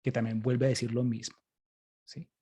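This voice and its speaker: A man's voice: mid-range voice, level tone, moderate pace, dark tone, slightly rough. A Colombian man, a priest, giving a Bible study lecture and patiently answering questions, often checking with his listeners. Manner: explains patiently, often tags sentences with "¿cierto?" and "¿sí?".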